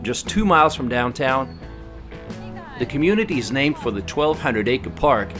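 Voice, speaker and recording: A man from Russia reading a scripted voice-over for a travel vlog, in an even, informative tour-guide manner. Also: medium pitch, moderate pace, music in the background.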